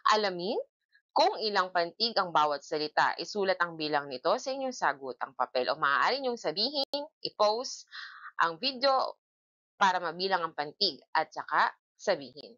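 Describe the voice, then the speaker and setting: A woman teaching a children's reading lesson, drilling words slowly and clearly by syllable and asking the class questions. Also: fairly low pitch, big pitch swings, bright, forceful tone, dull audio. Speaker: grade one teacher.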